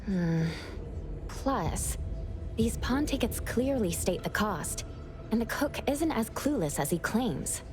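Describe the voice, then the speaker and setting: A woman with a voice on the high side plays a calm, analytical young investigator in an anime game. She reasons aloud in a measured, matter-of-fact way over music.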